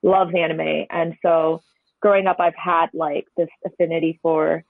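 A Hong Kong painter in her or his 20s, a native Cantonese speaker, is interviewed on a conversational podcast over a tinny, dry phone line with no room sound. The speaker is reflective and meandering, with many hedging asides, in a creaky, medium-pitched voice that barely moves in pitch, at a measured pace.

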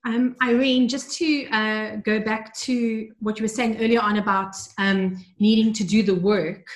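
A woman co-hosting a church talk show, gentle and encouraging with her guest. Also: mid-range voice, fairly even intonation, a little slow. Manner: gentle, encouraging, affirming murmurs. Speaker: co-host. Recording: roomy echo.

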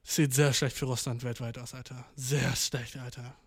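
A man's voice: mid-range voice, flat delivery, normal speed, slightly rough. A young man reacting casually to news, slangy and full of swearing and English filler words. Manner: mock voices for countries.

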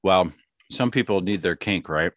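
Deep-voiced rambling podcast co-host man. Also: normal speed, fairly bright tone, no echo, dull audio. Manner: rambling, filler-heavy explaining. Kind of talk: casual chat.

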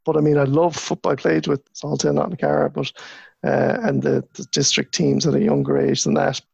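A man's voice: on the high side, little pitch movement, fairly quick, creaky, darkish tone, husky, no room sound, lo-fi sound. A man from Galway with a west of Ireland accent, a lecturer chatting casually as an interview guest, circling into his points with repeated words.

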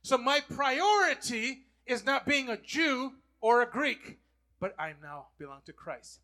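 A man's voice: very high-pitched, big pitch swings, measured pace, pushed and bright. A man preaching a sermon, calling on the congregation to repeat words back to him. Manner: call-and-response preaching, asking the congregation to repeat. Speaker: pastor.

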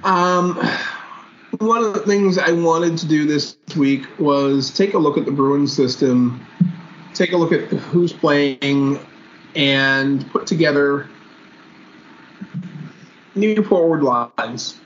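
Deadpan man on a lo-fi podcast. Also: a little high, takes it slowly, long pauses. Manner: dry, deadpan joking, then methodical analysis. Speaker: podcast co-host. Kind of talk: casual hockey podcast chat. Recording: dull lo-fi audio with faint hiss.

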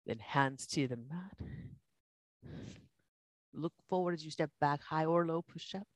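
A yoga instructor slowly coaching breath and movement through a guided class in short, spaced phrases. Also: mid-range voice, no room sound.

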